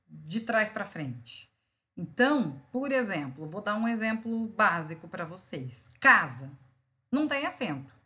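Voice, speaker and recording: A woman teacher giving a recorded grammar lesson, explaining step by step, checking in with her students and sounding out syllables slowly for emphasis. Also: mid-range voice, pushed and bright.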